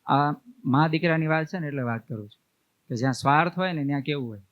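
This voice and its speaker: A man's voice: on the high side, quick pace, no room sound. A man, a swami telling homely family stories in a sermon and acting out what relatives say. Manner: homely storytelling, acts out family members' words. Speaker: swami preacher. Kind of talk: storytelling sermon. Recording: tinny, phone-like dry sound.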